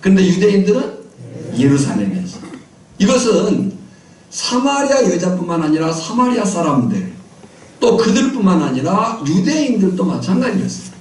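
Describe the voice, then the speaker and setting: High-voiced Korean pastor in echoey church. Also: male voice, wildly swooping pitch, normal speed, a little mellow, slight background noise. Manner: quizzes the congregation with call-and-response questions; repeats key phrases in a rhythmic list. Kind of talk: sermon. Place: small island church. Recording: echoey church sound from a distant mic.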